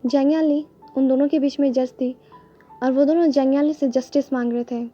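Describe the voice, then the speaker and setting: A woman's voice: high-pitched, steady tone, normal speed, mellow. A woman narrating a fan story aloud, reading plainly and steadily. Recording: dull lo-fi with faint music.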